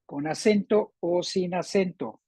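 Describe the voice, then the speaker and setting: A woman teaching a class on spelling rules, speaking slowly and deliberately and repeating words with different stresses. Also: fairly low pitch, warm tone, slightly rough, no echo.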